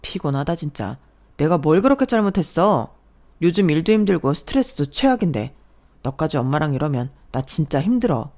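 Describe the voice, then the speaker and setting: Tired young husband, voiced by a woman, weary, dismissive, lowish voice. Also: big pitch swings, brisk, a little mellow.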